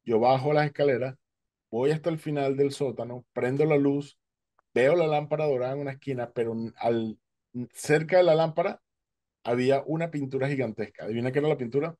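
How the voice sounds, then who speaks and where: Man, storytelling testimony, chatty with fillers, mid pitch, mellow tone. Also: a little fast. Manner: conversational, uses fillers like "eh" and "este"; animated when quoting others. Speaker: speaker sharing a near-death testimony. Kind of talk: personal storytelling talk.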